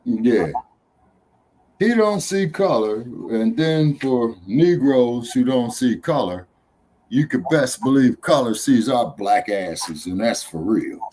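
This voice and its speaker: Slow-drawling man hosting a talk show. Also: mid-range voice, expressive, mellow, slight background noise. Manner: loose, heckling, drawling asides. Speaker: podcast host. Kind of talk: casual talk show chat.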